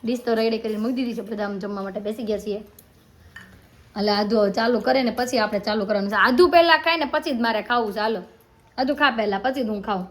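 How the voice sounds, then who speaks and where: A woman's voice: on the high side, a little fast. A woman narrating a casual family vlog at home, chatty and affectionate as she coaxes her children. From India. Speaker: family vlogger.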